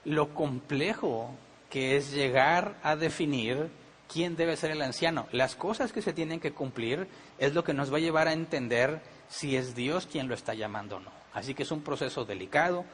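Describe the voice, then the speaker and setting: A man's voice: a little high, animated, moderate pace, slight background noise. A man with a Monterrey Mexican accent, a pastor teaching a Bible study in a conversational way, asking rhetorical questions. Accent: Monterrey Mexican Spanish.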